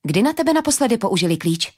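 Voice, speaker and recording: A woman reading an audiobook, voicing a sharp, resourceful young woman who speaks briskly and with determination. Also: a little high, very animated. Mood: determined.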